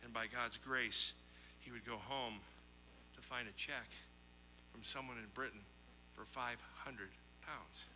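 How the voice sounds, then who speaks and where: This man's sermon comes through a rough recording with a bit of hiss or hum, his medium-pitched voice sharp, measured and fairly even in intonation. He is earnest and emphatic, reading scripture, telling illustrative anecdotes, asking rhetorical questions and repeating points.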